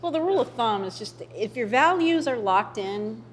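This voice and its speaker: A woman's voice: on the high side, animated, moderate pace, slight background noise. A woman on a panel who gives practical advice. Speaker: panelist, fantasy illustrator. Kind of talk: casual panel chat.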